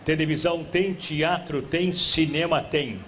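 This game show host is a Brazilian man whose voice sits on the high side with a fairly bright tone, speaking Brazilian Portuguese. Hosting live before a studio audience, he takes his time reading clues and pokes fun at the women competing, with clear TV-studio noise behind him.

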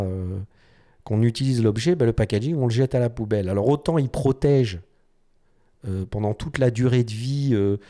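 A man's voice: medium pitch, mellow. A man hosting a design video, explaining casually to the camera with many fillers and restarts.

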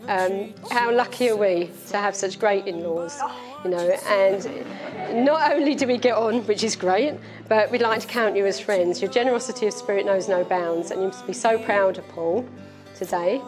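A middle-aged woman gives a warm wedding toast as the bride's mother, pausing often with little fillers. She speaks at an even middle pitch into a handheld mic. Faint music sits behind her in the barn hall. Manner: warm, halting speech with fillers. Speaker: mother of the bride giving a speech. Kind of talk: wedding speech. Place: brick-walled barn reception hall. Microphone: handheld microphone.

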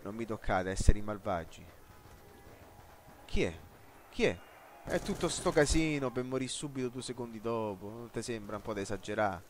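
A young man giving jokey, excited commentary while playing a game, often talking to the game and the viewers. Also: a little fast, a little hiss or hum. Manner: jokey, talks to the game and viewers, bursts into high yelps. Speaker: gaming let's player.

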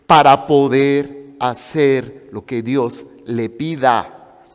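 Mexican preacher in an echoing hall. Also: male voice, mid-range voice, drawn-out words. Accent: Mexican Spanish. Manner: animated storytelling with acted-out voices. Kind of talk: sermon. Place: church hall. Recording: long reverb of a large hall.

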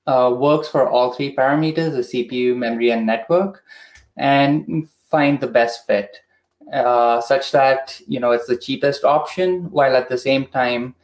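A man explaining a technical process on a video call, measured and methodical, with frequent pauses and "uh" fillers. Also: medium pitch, darkish tone. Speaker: product expert guest. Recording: echoey room.

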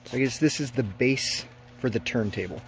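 A man's voice: mid-range voice, moderate pace, faint music behind. A man chatting casually for a vlog as he films a walk outdoors. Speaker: vlogger filming a hike. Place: outdoors on a wooded trail. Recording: outdoor recording with faint ambient noise.

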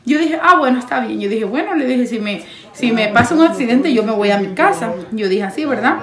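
Woman, lively storyteller, highish voice, echoey room. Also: fairly quick, crowd noise. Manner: acts out quoted lines, laughing often. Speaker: fiancée telling her story. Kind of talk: animated casual storytelling.

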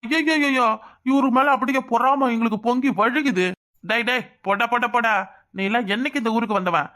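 A man voicing a hot-headed, dark-skinned young village man in a cartoon, boastful and quarrelsome, with a Kanyakumari Tamil accent. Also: very high-pitched, brisk. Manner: boastful, quarrelsome, repeats words. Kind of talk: cartoon voice acting.

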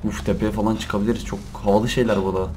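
A young man commentating a survival game in Turkish, shouting and cursing at the animals and laughing often. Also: on the low side, fast talker, a little hiss or hum. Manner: excitable, swears and yells at the game, laughs often. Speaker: gameplay commentator. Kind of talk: let's play commentary.

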